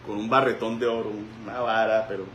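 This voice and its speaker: A man, a pastor preaching a sermon in a church and telling stories with sudden shouts. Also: on the low side, fairly quick, a little hiss or hum. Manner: animated storytelling, voice rising to shouts. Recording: echoey church room.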